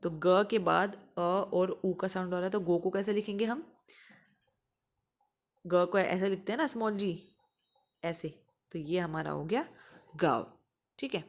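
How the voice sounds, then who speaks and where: A young woman teaching exam students, explaining and slowly repeating example words. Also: on the low side. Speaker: English teacher for exam prep. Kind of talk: explanatory lesson.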